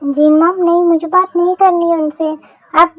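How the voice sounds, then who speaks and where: A woman's voice: very high voice, flat delivery, moderate pace, fairly bright tone, slight background noise, poor audio. A woman playing a shy pleading young woman. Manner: pleading, embarrassed. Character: shy, flustered young woman, a new bride-to-be. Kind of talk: Hindi fan-fiction voice story.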